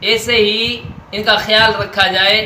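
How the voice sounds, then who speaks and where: A man with a Pakistani Urdu accent teaching Quran letter pronunciation, drilling letters slowly and deliberately. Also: sits high, little pitch movement, bright, forceful tone. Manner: slow, deliberate letter drills with stretched sounds. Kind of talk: Noorani Qaida pronunciation lesson. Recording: echoey room with faint noise.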